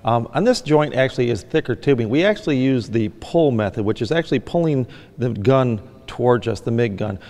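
A man's voice: mid-range voice, expressive, a little fast, a little mellow, in a large hall. A middle-aged man from Michigan, a fab shop owner giving a plain, practical welding lesson, often saying "actually". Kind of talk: instructional demonstration. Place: large indoor workshop.

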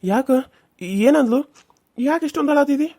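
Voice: sits high, normal speed, dark tone, pitched above the performer's own voice. A voice actor playing a flustered, complaining married man in a cartoon serial, with a North Karnataka Kannada accent. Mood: concerned. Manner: exasperated, complaining. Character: flustered married man caught between two women.

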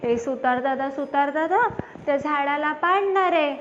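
A woman voicing a small, excited female sparrow in a children's story, talking high and childlike. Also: unhurried. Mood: pleading. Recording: dull lo-fi with faint background noise.

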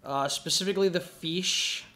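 A man's voice: sits high, normal speed, bright, forceful tone. A man giving casual, profane gameplay commentary, muttering to himself as he plays.

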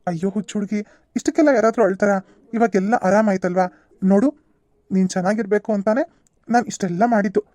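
A woman voicing a calm, caring young husband in a cartoon serial, with a soft, reassuring way of explaining. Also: medium pitch, fast, long pauses, dry recording, natural voice. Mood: gentle.

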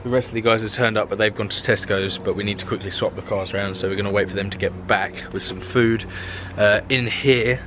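Talking fairly quickly with few pauses, this young adult British car vlogger chats about his car work from a garage and driveway. His voice sits lowish and his intonation stays fairly even. It's captured as noisy audio on a handheld camera.

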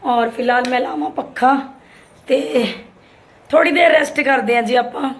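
A middle-aged woman with an Indian Punjabi accent and a sore, hoarse throat, chatting casually as she narrates a daily family vlog. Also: sits high, moderate pace. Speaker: family vlogger.

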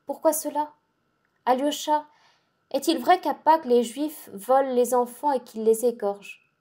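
A woman gives voice to a feverish young girl in a dramatic audiobook reading, the girl caught between rapture and dread. At a measured pace, the fairly high, soft, mellow voice pleads in breathless, urgent, excitable and intense bursts.

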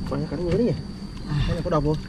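A young man, hosting an outdoor video and exclaiming loudly in amazement while digging in a field. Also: fairly high pitch, fast, a little hiss or hum. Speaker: video host. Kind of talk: excited outdoor commentary. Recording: background music over field audio. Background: background music.

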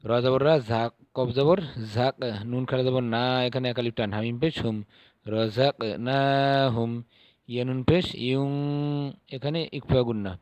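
A middle-aged man gives a patient Quran reading lesson, spelling syllables one by one and then stretching the recited words out slowly. His voice sits at an ordinary male pitch. The recording is dry and close, with no room sound. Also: a little mellow, no room sound. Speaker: Quran teacher.

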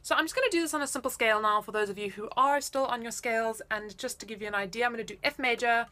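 A woman's voice: fairly high pitch, very fast, pushed and bright. A woman in her thirties giving casual, explanatory and encouraging music instruction to camera. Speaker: flute teacher. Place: indoors, small room at home.

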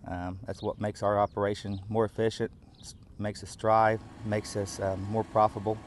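A man's voice: fairly low pitch, flat delivery, normal speed, slight background noise. A middle-aged man, a farmer speaking practically in an on-camera interview outdoors, with fillers. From United States.

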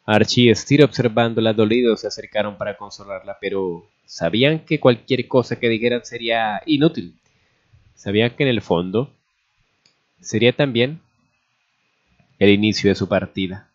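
A man with a fairly low voice reads a melodramatic story aloud at a steady pace. He now and then goes back over a stumbled word. The recording sounds dull and lo-fi. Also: moderate pace. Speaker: narrator. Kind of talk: reading a fan story aloud.

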